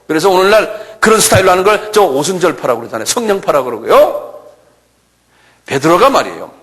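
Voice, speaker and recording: A male pastor preaching a sermon in a church, animated and full of rhetorical questions. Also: high voice, fast talker. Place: church sanctuary.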